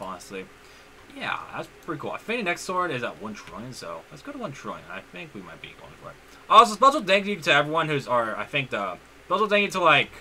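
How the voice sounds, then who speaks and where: A man chatting through a game session in a very bright, sharp-edged voice. His pitch bounces around a lot, and he rambles, stopping and restarting sentences as he goes. There is a faint hum behind him. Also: rough recording. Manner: rambling, restarts often, leans on "honestly". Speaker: gaming YouTuber. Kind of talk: casual let's-play commentary.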